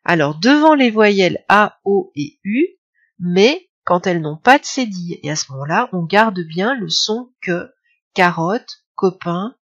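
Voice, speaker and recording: A woman's voice: medium pitch, lively intonation. French woman teaching a spelling lesson. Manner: explains slowly, with fillers and self-corrections. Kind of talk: recorded online lesson. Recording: slightly dull, lo-fi sound.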